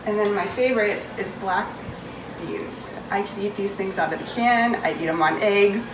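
This cooking video features a New England woman in her forties whose medium-pitched voice moves at a moderate pace. She walks viewers through chili at home in a relaxed way, cracking jokes about herself as she stirs and pours. Heavy background noise, including a sizzling pan, comes through the roomy audio from a camera set up far away on a tripod.

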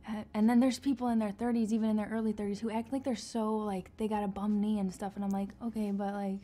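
A woman's voice: mid-range voice, little pitch movement, fast talker, dark tone. A woman answering interview questions in casual chat, laughing and hedging informally. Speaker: interview guest.

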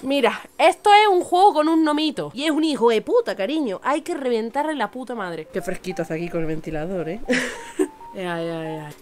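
A woman with a Spain Spanish accent doing let's play commentary at home, excitable and sweary, switching into broken English and snatches of song. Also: on the high side, moderate pace, faint music behind. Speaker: gaming streamer. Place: home room with a fan.

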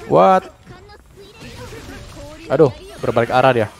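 A man's voice: mid-range voice, normal speed. Male let's-play commentator, mid-range voice, jumpy and reactive. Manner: excitable, frequent panicked exclamations. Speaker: gameplay commentator.

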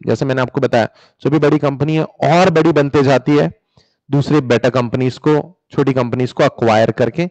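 A young man with an Indian accent teaching a business lecture, reading facts slowly in English, then explaining fast in Hindi with questions to the students. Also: medium pitch, darkish tone, dry recording, low-quality recording.

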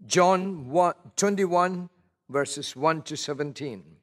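Slow, high-voiced man reading scripture at a pulpit microphone. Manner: slow, deliberate, reverent reading. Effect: speaking at a pulpit microphone. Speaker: scripture reader.

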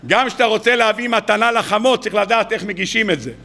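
A man, a rabbi, preaching to an audience in a colloquial storytelling sermon, acting out the people in his tales. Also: high-pitched. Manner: colloquial, addresses the audience as "gentlemen". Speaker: rabbi giving a weekly Torah talk. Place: evening lecture before an audience.

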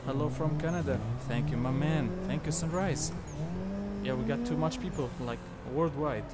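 Chatty non-native streamer with halting English. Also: male voice, a little high, animated, very noisy. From Tunisia. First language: not English. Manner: halting, filler-heavy, reads chat aloud and thanks subscribers. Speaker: livestream host. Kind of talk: casual livestream chat while sim racing. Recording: loud game music behind voice.

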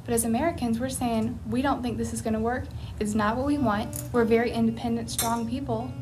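A woman with a somewhat high voice speaks firmly and emphatically in an interview. She sits in an indoor meeting room. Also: fairly even intonation, a little fast, darkish tone, faint music behind. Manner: emphatic, firm. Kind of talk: casual interview.

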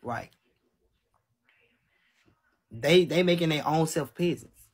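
Holding his phone at arm's length in a small room, a man in his twenties chats casually on a live stream, answering viewers' comments in a candid, defensive way. His voice is fairly high and slow, with a breathy edge.

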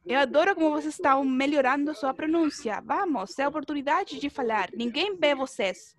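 High-voiced woman teaching a language class. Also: animated, a little fast, slight background noise. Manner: encouraging, drills pronunciation with students. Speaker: Portuguese teacher.

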